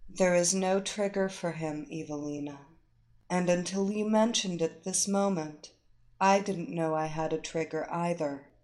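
A woman's voice: fairly low pitch, fairly even intonation, a little slow, darkish tone, pitched below the performer's own voice, close to an everyday voice. Woman voicing a docile entranced young entertainer. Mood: dazed.

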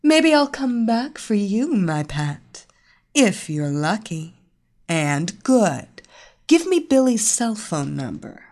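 A woman's voice: mid-range voice, very animated, darkish tone. Woman playing a sultry taunting psychic. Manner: slow, sultry, teasing.

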